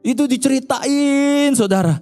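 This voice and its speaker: A male pastor delivers a sermon in a casual, conversational storytelling style, talking straight to his listeners. His voice sits high for a man. Faint music plays behind him. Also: unhurried, dark tone. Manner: chatty storytelling, repeatedly addressing the congregation.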